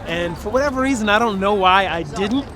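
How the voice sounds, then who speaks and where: A man's voice: high voice, animated, fairly quick, a crowd in the background. A man talking candidly and self-deprecatingly in a casual interview conversation. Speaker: interviewee, partner.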